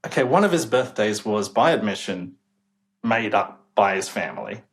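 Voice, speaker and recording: With a fairly low, sing-song voice and a moderate pace, the young demographer speaks as a guest in a casual interview. He sounds incredulous about the data, presses his points emphatically, and lets out occasional chuckles as he goes.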